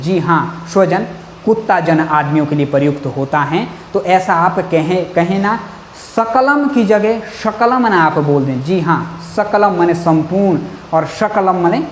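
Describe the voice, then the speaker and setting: A male Sanskrit teacher giving an exam-prep lecture, repeating points and often saying "jī hā̃" as he goes. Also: sits high. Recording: echoey room with faint noise.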